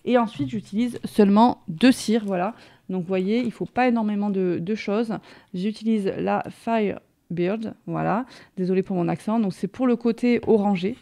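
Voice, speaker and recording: A woman's voice: medium pitch, normal speed, warm tone. A woman presenting a casual hands-on craft tutorial, chatting and explaining each step while she works.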